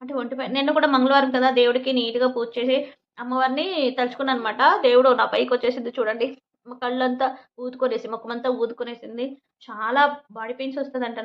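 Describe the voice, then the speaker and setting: A woman's voice: a little high, highs cut off. A woman vlogger in casual talk to camera, rambling and making earnest, pleading appeals.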